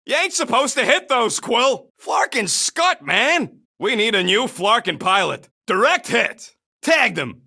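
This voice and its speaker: A small, cocky raccoon mercenary from a video game. The voice sits high and swings widely in pitch, with a bright, punchy bite and a rough street-tough edge. He is irritable and sarcastic, tossing out brash, slangy barks. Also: sing-song, a little slow, heavily acted. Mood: combative, urgent.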